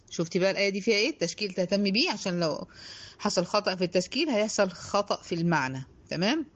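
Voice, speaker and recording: A woman with an Egyptian accent teaching a tajweed lesson to a female student. She stretches the verses out slowly, then explains them briskly. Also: medium pitch, animated, dull audio. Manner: slow, drawn-out recitation between brisk explanations; addresses a female student directly, instructive. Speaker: Quran teacher.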